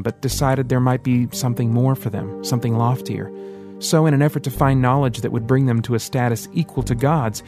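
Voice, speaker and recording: Guy reading an audiobook, steady storyteller, mid-pitch, faint music behind. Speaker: audiobook narrator. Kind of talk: scripted narration.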